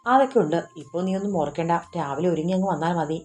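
A woman's voice: lowish voice, lively intonation, fast talker, a little mellow, faint music behind, lightly acted. A woman voicing a playful young man, the teasing romantic hero of a storybook romance.

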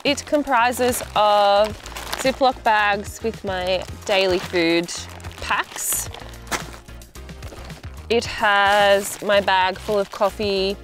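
A young Australian woman talking casually to the camera outdoors, relaxed and chatty with frequent ums. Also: mid-range voice, drawn-out words, over music. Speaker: hiker presenting gear video. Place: outdoors in open bushland.

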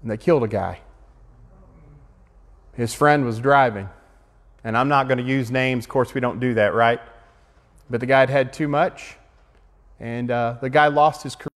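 A man's voice: medium pitch, moderate pace, pauses often. A man pastor giving an earnest, emotional testimony sermon that rises to fervent exhortation. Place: meeting hall. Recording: long reverb of a meeting hall.

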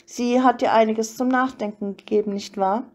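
A woman reading the lines of a calm, tender young male vampire in a storybook audiobook, in a soft, even voice. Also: a little high, normal speed, natural voice. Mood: gentle.

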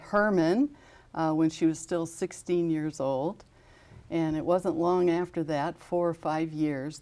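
A woman's voice: sits low, dark tone. A woman in her fifties with an American accent, a studio interview guest who speaks steadily and informatively, with frequent fillers. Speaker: guest from an aviation safety foundation. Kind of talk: studio interview, listing honorees. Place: television studio.

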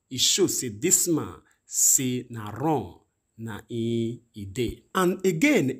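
Male host, Nigerian Pidgin accent, husky, rambling news voice-over. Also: medium pitch. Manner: rambling, repetitive phrasing. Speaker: channel host.

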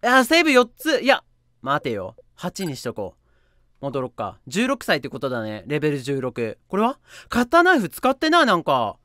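Female game streamer with a bright, animated voice, soft murmurs broken by sharp squeals, reads the game text aloud, dry close mic. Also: low voice, moderate pace, no room sound. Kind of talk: let's play commentary.

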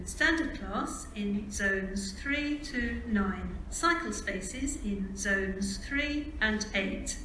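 Woman's spliced automated station announcements. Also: mid-range voice. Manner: measured, evenly clipped phrasing. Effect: spliced together prerecorded words. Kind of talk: automated public address announcements. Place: railway station platform. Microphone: heard through station loudspeakers. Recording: echoey station loudspeaker with platform noise. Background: station ambience.

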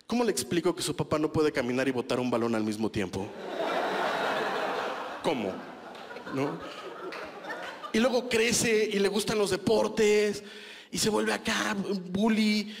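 On a small club stage before a live audience, a Mexican comedian in his 30s runs his stand-up set into a handheld mic, animated and self-deprecating with coarse slang. His gravelly, slightly high voice swoops a lot; he keeps a measured pace and pauses often. Each line rings with long reverb over a noisy background.

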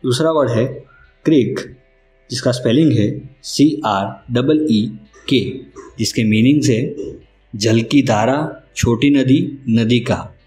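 A man giving a scripted vocabulary lesson, speaking slowly and deliberately and spelling words out letter by letter. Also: mid-range voice, a little mellow. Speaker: vocabulary teacher. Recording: roomy echo with faint music.

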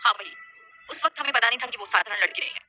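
A woman's voice: fairly high pitch, expressive, rapid-fire, sharp tone, soft background music. A woman voicing an impulsive lovestruck young man who stammers and pleads. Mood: hesitant.

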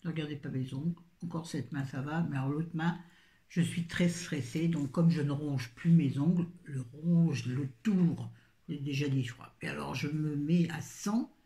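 A woman's voice: deep voice, moderate pace, mellow, roomy sound. An older woman reviewing books in a casual, rambling chat full of self-mocking asides. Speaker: book vlogger.

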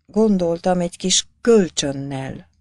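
A woman's voice: on the low side, expressive, dry recording, lightly acted. Woman voicing a timid, stammering peasant man. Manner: timid, stammering, soft-spoken. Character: humble, shamed poor peasant man.

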